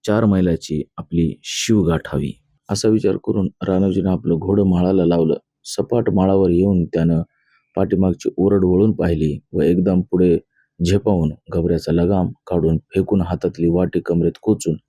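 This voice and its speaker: A man's voice: low voice, warm tone, slightly rough, no room sound. A man reading a novel aloud as a narrator, telling the story steadily and voicing the characters' lines himself. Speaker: audiobook narrator.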